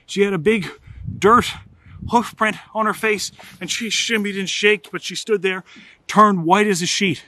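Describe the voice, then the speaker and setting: A middle-aged man tells a comic story with lively, animated energy. His voice sits fairly high, and the close mic gives a dry sound with no room echo. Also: moderate pace. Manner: animated, comic, builds to excited outbursts. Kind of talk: casual spoken storytelling.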